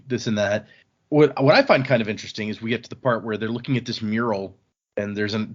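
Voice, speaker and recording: Fairly low in pitch, a man's voice carries a casual book podcast in which he recaps a novel's plot conversationally, loosely voices the characters and swears a little. The audio is dull.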